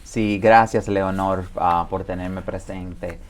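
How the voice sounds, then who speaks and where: A man in his forties from the Dominican Republic, a guest in an interview. His voice sits low, and he talks hesitantly, often pausing on fillers as he remembers. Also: steady tone. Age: 40s. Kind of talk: interview testimony.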